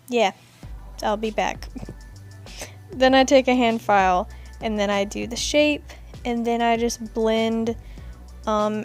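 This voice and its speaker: A young woman with a Southern US accent, narrating her nail tutorial in a chatty, self-mocking way. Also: on the high side. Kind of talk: casual voice-over narration.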